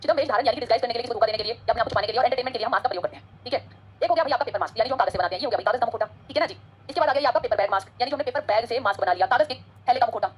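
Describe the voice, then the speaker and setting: A woman's voice: on the high side, racing, breathy edge. A woman teaching an exam-prep lecture, chatty and code-switching between Hindi and English.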